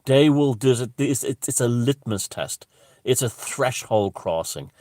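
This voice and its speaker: A man's voice: medium pitch, expressive, measured pace, darkish tone, no room sound. Emphatic Irish man, dry close sound. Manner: emphatic, profane, with broken restarts. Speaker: commentator. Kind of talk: unscripted opinionated monologue.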